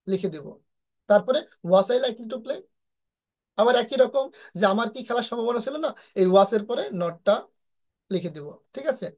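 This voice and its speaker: A woman's voice: on the high side, darkish tone. A woman from Bangladesh, teaching an online English lesson step by step, often checking "right?" with her students. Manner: explains step by step, asks rhetorical questions, frequent "হ্যাঁ?" checks.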